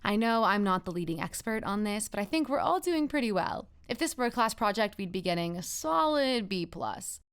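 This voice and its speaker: Wry, clear-voiced apocalypse radio host, played by a woman. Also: mid-range voice, sing-song, a little fast, hardly any pauses. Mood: upbeat deadpan. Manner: wry, awkwardly upbeat, rambling. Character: cheerful, self-deprecating young woman radio host surviving the apocalypse. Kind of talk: scripted comedic radio monologue, chatty.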